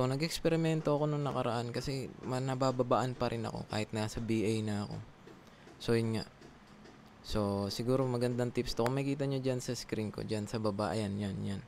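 A man's voice: mid-range voice, a little hiss or hum. A man from the Philippines with a Filipino accent, a former call center agent, chatting casually to viewers at his home computer, with lots of fillers. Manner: chatty, many fillers, talks to viewers as guys. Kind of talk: casual tutorial vlog.

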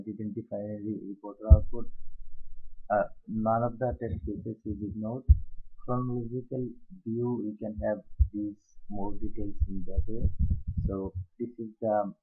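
A hoarse man with a cold talks through a screencast tutorial as an instructor, halting often with fillers and restarts. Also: on the low side. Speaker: software testing instructor. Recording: tinny phone-like audio.

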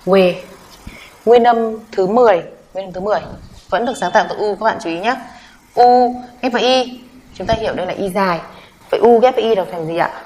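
A woman's voice: medium pitch, fast, a little mellow, slight background noise, low-quality recording. A woman teaching a Korean vowel lesson in Vietnamese, patiently repeating each sound and asking the class questions she answers herself.

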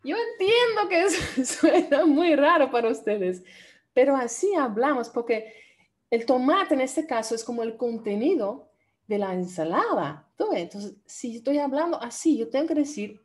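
A woman teaching an online language lesson, lively and playful, with a Dominican Spanish accent. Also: high-pitched, moderate pace. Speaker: Dutch teacher.

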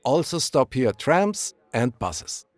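A man's voice: mid-range voice, very animated, slow pace. A man, co-hosting a travel vlog and narrating location facts in an upbeat way. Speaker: co-host. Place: busy city square outdoors.

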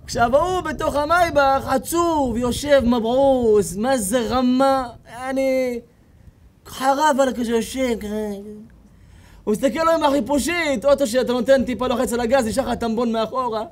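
High-voiced, animated rabbi telling stories. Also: male voice. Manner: animated, acts out characters with sudden shouts. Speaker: rabbi giving a Torah lecture. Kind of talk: lively sermon with humorous storytelling. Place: outdoor evening event before an audience.

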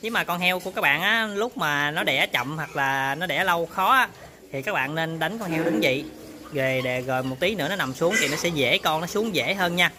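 A man's voice: on the high side, animated, moderate pace, a crowd in the background. A man casually talks viewers through work in his pig barn, often turning to address them. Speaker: pig farmer vlogger. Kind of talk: casual on-farm demonstration.

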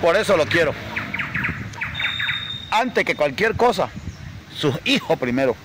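A man recites a rhymed poem in an emotional, declaiming manner. His voice sits fairly high and swings widely in pitch. Faint noise lies under the voice. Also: sing-song, measured pace.

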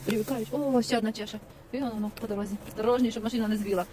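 Speaking very fast in a slightly high voice with a steady tone, a volunteer casually addresses the stray dogs she is feeding outdoors near a roadside dump. She coos to them in sing-song baby talk for a vlog, while traffic noise, passing cars and animal sounds carry in the background.

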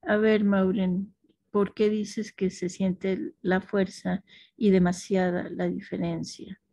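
A woman teaching a class, talking thoughtfully with restarts and soft affirmations to her students. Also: medium pitch, flat delivery, slow, gravelly, no room sound.

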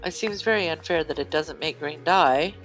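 A woman's voice: sits low, normal speed, rough recording. A woman hosting a casual gameplay session, chatting and thinking aloud as she plays. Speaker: host. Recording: faint music behind.

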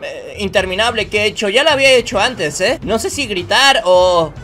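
A man narrates his gameplay for his channel. He talks in excitable bursts, yelling and laughing as things happen on screen. His commentary is quick and spontaneous. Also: high voice, faint music behind. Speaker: gaming YouTuber.

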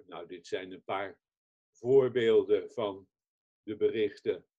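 A man, a society chairman, giving a webinar talk from notes in a measured reading voice with small restarts, over a computer mic. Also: fairly low pitch, dark tone, highs cut off.

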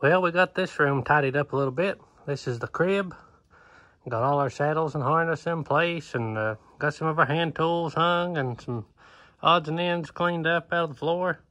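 A man's voice: fairly high pitch, normal speed, pushed and bright. Easygoing man in a barn. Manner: easygoing, plainspoken, many "uh" fillers. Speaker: homesteader vlogger. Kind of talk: casual walkthrough narration. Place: open wooden barn, outdoors. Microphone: phone camera held at arm's length.

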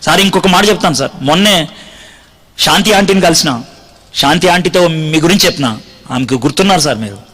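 A man preaching a storytelling sermon, acting out the dialogue and swinging between loud, excited lines and hushed, quiet ones. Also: a little high, fast talker, husky, big-room sound.

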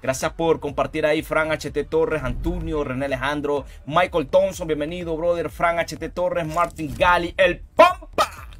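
A man livestreaming a fighting game, reacting loudly to the matches and greeting viewers in chat by name with casual slang. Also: a little high, moderate pace. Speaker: streamer. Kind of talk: live gameplay commentary. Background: game music.

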